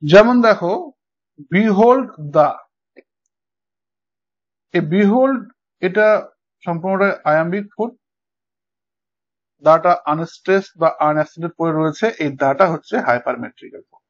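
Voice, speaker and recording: A man with a Bengali accent gives an online lesson on verse meter. His voice sits high, and he keeps asking his students whether they follow. The recording sounds dull and lo-fi. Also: unhurried, pauses often. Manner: patient, checks understanding with frequent "okay?". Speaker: English literature tutor.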